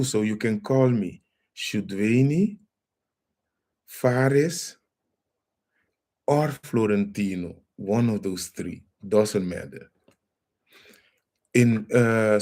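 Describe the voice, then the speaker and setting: A man hosting a casual livestream lecture, reading out viewer comments and calling his listeners fam, with a halting delivery full of trailing phrases. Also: fairly low pitch, a little mellow. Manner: reads out viewer comments and greets the chat; calls listeners fam and family. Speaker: livestream host.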